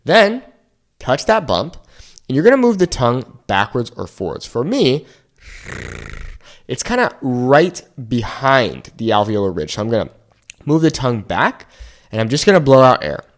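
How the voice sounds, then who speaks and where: Male online language teacher, mid-pitched and highly animated, casual, encouraging, clear step-by-step delivery. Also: normal speed, long pauses. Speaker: Spanish teacher and video host. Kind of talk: casual instructional talk to viewers.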